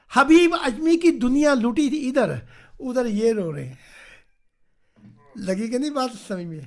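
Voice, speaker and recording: A male preacher telling a religious story on a video call, animated, who keeps asking his listeners whether they understand. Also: very high voice. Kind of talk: storytelling sermon. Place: online meeting.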